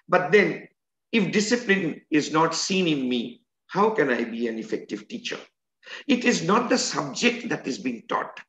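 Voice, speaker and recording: With a voice on the high side and a bit bright, an older educator and trainer lectures online via video call from a room in his home. He is earnest and emphatic, and the recording has a roomy, dull video-call quality.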